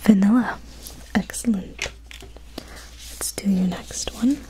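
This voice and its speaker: A woman doing a whispered role-play as a clinic examiner, in a breathy whisper with gentle, soothing encouragement. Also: medium pitch, takes it slowly, low-quality recording. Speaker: ASMR performer playing a clinic examiner.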